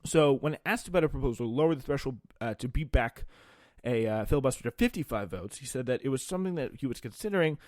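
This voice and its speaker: A man's voice: mid-range voice, animated, a little mellow, no echo. Informal male political commentator, dry close sound. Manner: informal, halting delivery. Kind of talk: reading news aloud with off-the-cuff commentary.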